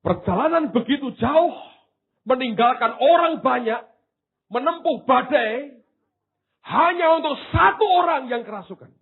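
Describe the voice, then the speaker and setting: A man preaching a sermon, swinging from hushed asides to loud exclamations, with casual slang jokes. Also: very high-pitched, animated, measured pace, husky. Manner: drops into casual Javanese-flavoured slang for humour. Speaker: pastor. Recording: tinny phone-like sound.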